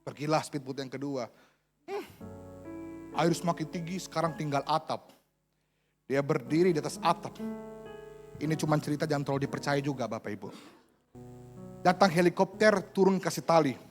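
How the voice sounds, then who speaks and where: A man preaching a sermon as pastor, telling stories in an animated way and often calling out to the congregation. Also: on the high side, normal speed, long pauses, over music.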